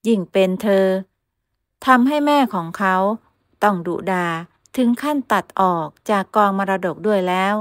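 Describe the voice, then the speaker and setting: A woman reading a story aloud as narrator, in a steady, clear voice. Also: medium pitch, moderate pace, no echo, clean studio sound. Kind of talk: scripted narration.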